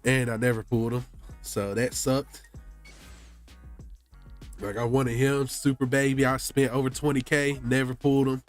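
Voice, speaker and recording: Male game streamer, congested and sick, slangy and casual, somewhat low voice, music behind him. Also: flat delivery, moderate pace, long pauses. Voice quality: congested, stuffy nose. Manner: slangy, often says "bro". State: sick with a blocked nose. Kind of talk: casual chat to stream viewers.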